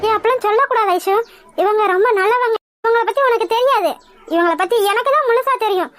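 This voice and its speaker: A woman voicing a trusting middle-aged mother in a cartoon, gentle and reassuring. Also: very high-pitched, fast. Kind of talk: Tamil cartoon voice acting.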